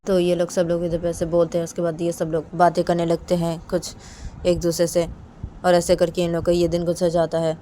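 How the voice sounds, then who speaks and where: A woman's voice: lowish voice, monotone, fairly quick, dark tone, a little hiss or hum. A woman narrating a serialized romance story as host of her channel, in a plain, repetitive way.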